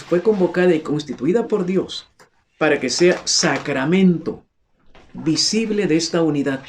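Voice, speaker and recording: A man's voice: a little high, gravelly, a little mellow, slight background noise. A man preaching a sermon, asking rhetorical questions and acting out quotes in voices.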